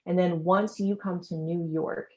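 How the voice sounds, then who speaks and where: A woman's voice: fairly low pitch, steady tone, unhurried, highs cut off. Enthusiastic American woman hosting a webinar. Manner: enthusiastic, fluent with frequent ums. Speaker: executive producer and webinar host. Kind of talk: webinar presentation.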